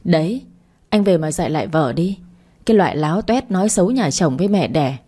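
A woman's voice: expressive, brisk, mellow, breathy edge. A woman doing a furious, scolding mother-in-law. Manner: shrill scolding tirade.

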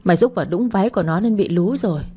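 A woman voicing a furious, abusive older mother-in-law who scolds in a rapid tirade. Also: mid-range voice, animated, dark tone, slightly rough.

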